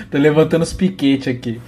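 A man's voice: a little high, measured pace, darkish tone. A young man with a Brazilian Portuguese accent, joking and swearing casually as he banters on a podcast. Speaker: podcast co-host. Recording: music behind the voice.

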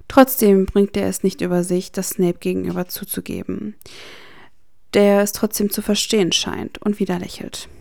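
Woman narrating fan fiction, gravelly voice. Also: mid-range voice, moderate pace, no room sound, studio quality. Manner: steady storytelling narration. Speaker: audiobook reader. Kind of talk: reading fan fiction aloud.

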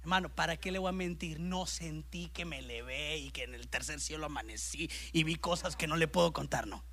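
A man preaching a sermon as pastor to a congregation in a church service. He is animated, swinging between loud bursts and hushed asides, and keeps calling his listeners brother. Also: on the high side, brisk, slight background noise.

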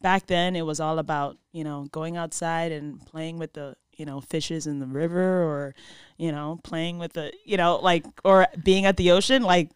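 A woman's voice: low-pitched, steady tone, moderate pace, clear, resonant tone, dry recording, studio quality. A young woman from Samoa, chatting casually and reminiscing in an informal way full of slang. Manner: informal, says dude and like often. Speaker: podcast guest.

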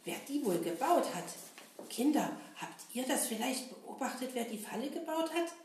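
A woman voicing Kasper, a cheerful, brave male puppet hero who talks straight to the children in a lively, sing-song way. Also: sits high, moderate pace, a little hiss or hum. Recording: roomy echo.

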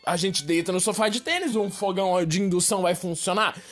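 A Brazilian woman vlogger with a Brazilian Portuguese accent delivers a slangy, exasperated comic rant to her viewers on camera. Her voice is lowish and brisk, with soft music playing behind her.

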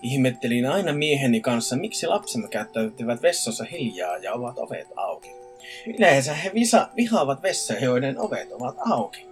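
A man's voice: medium pitch, big pitch swings, soft background music. Man reading creepy stories aloud. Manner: reads stiffly with slips and laughs. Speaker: podcast co-host reading stories.

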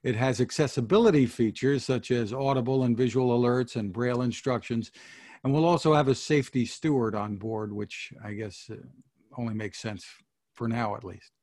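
A man hosting a discussion show, reading news items and prompting the panel in a brisk, lightly wry way. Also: medium pitch, steady tone, a little mellow, no echo, studio quality. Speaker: podcast host.

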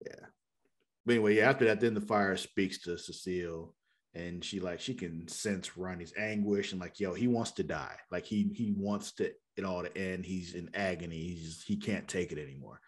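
A man's voice: low voice, normal speed, breathy edge. Laid-back slangy man recapping a show. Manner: slangy, loose, full of fillers like "like, you know". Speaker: podcast co-host. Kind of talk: casual TV episode recap.

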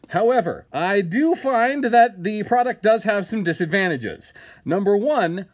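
A man hosting a comedy podcast, telling an absurd product review in a mock-serious, dry way. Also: high-pitched. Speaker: podcast host.

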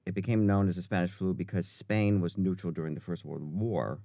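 Very deep-voiced man saying w for r. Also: steady tone, a little fast, warm tone, no room sound. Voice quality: says w for r, cannot pronounce R's. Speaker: podcast co-host. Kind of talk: casual banter and reading out fun facts.

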